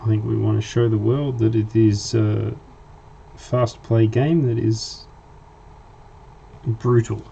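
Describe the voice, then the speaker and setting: A man chatting casually on a livestream, halting and correcting himself as he goes. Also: on the low side, steady tone, vocal fry, mellow. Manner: halting, self-correcting, slow-spoken. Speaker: livestream co-host. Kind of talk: casual chat. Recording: dull lo-fi stream audio with faint hiss.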